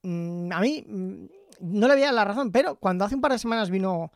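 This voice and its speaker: A man from Zaragoza, Spain, chatting casually into a studio microphone as he reviews his headphones, often tagging his phrases with a quick question. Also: sits high, animated, gravelly, dry recording. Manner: chatty, tags phrases with "¿vale?". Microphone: studio microphone in front of him.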